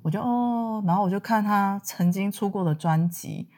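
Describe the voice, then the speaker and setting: A woman from Taiwan, telling a personal story in a casual, animated way, laughing often and acting out what people said. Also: medium pitch, normal speed. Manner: animated, laughs often, acts out quoted dialogue.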